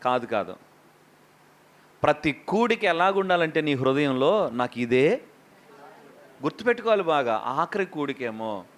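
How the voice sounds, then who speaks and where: Animated pastor, a man preaching with a slightly high voice. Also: unhurried, long pauses. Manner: animated, questions the congregation, acts out quotes. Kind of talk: sermon.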